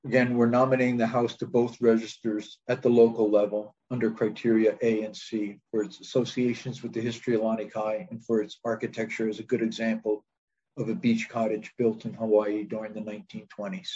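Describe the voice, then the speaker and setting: A man presenting a nomination and answering questions, hesitant and laughing softly between thoughts. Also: fairly low pitch, level tone, a little fast, husky, highs cut off. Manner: hesitant, frequent soft laughs.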